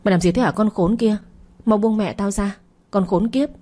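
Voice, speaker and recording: A woman's voice: mid-range voice, moderate pace, warm tone, voice pushed up, natural voice. A woman narrator voicing a spoiled, hot-headed young woman who shrieks insults in a storytelling audio drama. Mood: furious.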